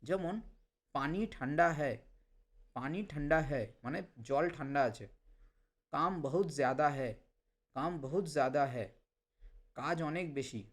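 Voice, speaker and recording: Bengali guy teaching a lesson, voice on the higher side, says each example twice slowly. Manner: repeats example phrases slowly for learners. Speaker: language teacher. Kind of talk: explanatory lesson.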